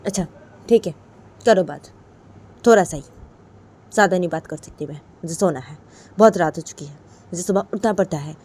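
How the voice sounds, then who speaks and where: A woman's voice: fairly low pitch, moderate pace, long pauses, a little mellow, husky. A woman voicing a stern young girlfriend who speaks in firm, clipped scolding bursts. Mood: irritated.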